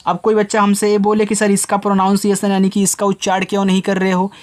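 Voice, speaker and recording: A male teacher giving a spoken lesson to children, slowly spelling out letters one by one and then patiently explaining each sound, often calling his listeners children. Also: high-pitched, completely flat delivery. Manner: addresses the viewers as children.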